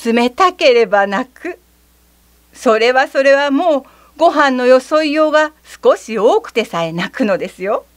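A woman reading a children's storybook aloud in a high voice that rises and falls a great deal. She takes her time, gentle and slightly theatrical. She is close to the mic in a dry room. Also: lively intonation, a little slow, no echo. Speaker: reader. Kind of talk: storybook narration.

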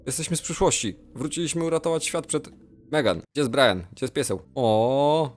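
A young man giving playful, excitable commentary while playing a game. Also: mid-range voice, moderate pace. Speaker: gamer. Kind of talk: Roblox let's play commentary.

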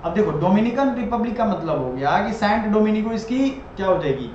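Man, high voice, exam-prep teacher, repeats and quizzes, strong room echo, muffled lo-fi sound. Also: lively intonation, brisk, darkish tone, slight background noise. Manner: repeats items and quizzes the viewer. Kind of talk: classroom-style lecture over a map. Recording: very echoey, dull lo-fi room sound.

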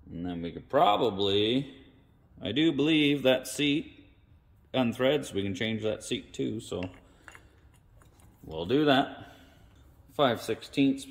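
At his workbench in an indoor garage workshop, a mechanic casually talks through a carburetor rebuild, thinking aloud with folksy slang in hands-on workshop narration. His voice is on the low side and sounds as if in a large hall.

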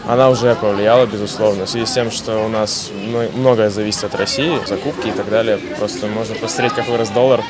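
A man's voice: fairly low pitch, fairly even intonation, fast talker, hardly any pauses. A man answering a street interview confidently and emphatically outdoors. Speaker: passer-by. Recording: street crowd behind.

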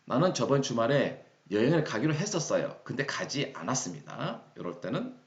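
A Korean man teaching English phrases, reading each example sentence slowly and deliberately. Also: medium pitch, sing-song. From South Korea. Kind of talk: explaining English phrases in a lesson. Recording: roomy, dull lo-fi sound.

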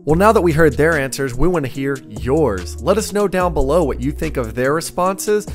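A man's voice: fairly high pitch, lively intonation, moderate pace, faint music behind. A man hosting a dating podcast, reading an upbeat intro and outro that invites viewers to comment. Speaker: podcast host.

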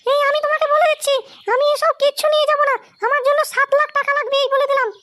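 A woman's voice: level tone, rapid-fire. A woman voicing an angry, nagging young wife who scolds her husband in a cartoon. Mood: scolding. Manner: scolding, shrill, demanding. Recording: loud background music.

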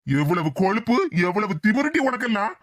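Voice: mid-range voice, very animated, fairly quick, dry recording. A voice actor playing a hot-tempered village man with a Tirunelveli accent, scolding and threatening his niece in a cartoon. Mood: angry scolding. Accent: Tirunelveli Tamil.

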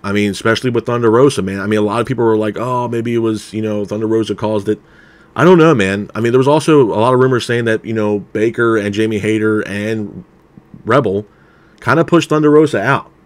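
A man's voice: on the low side, a little fast, no room sound. A man giving a casual spoken review of a wrestling show, candid and opinionated, padding his talk with "you know" and "man". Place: unseen, voice over a title card.

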